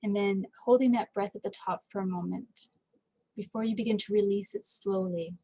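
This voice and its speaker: A woman leading a guided meditation in a gentle, unhurried way, with frequent fillers and pauses. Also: mid-range voice, fairly even intonation, husky, poor audio.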